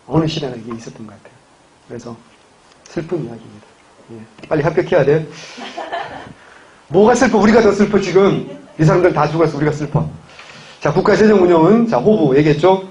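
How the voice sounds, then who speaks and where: A man's voice: a little high, darkish tone, highs cut off. A man lecturing on history in a classroom, chatty, with joking asides to his students. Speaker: civil service exam history lecturer.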